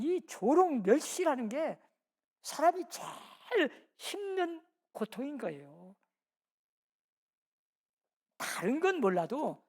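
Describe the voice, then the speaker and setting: A woman pastor from the Jeolla region giving a sermon, swinging between loud emphasis and soft, low phrases, and acting out the speech of people in the story. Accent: Korean, Jeolla region. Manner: acts out quoted speech of scripture figures. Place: church sanctuary.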